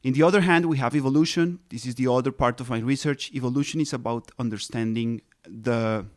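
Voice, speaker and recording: A man's voice: mid-range voice, brisk. A man in his thirties, raised in Colombia, patiently explaining his research as a guest in an interview, with frequent restarts and fillers. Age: 30s. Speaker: ecologist guest.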